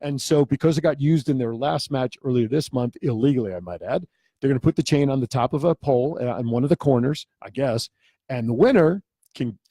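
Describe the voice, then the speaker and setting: Fast-talking man with a dark voice. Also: mid-range voice, expressive, dry recording. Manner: quick, joking, steers the talk. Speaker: co-host. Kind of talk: casual studio chat. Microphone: studio mic.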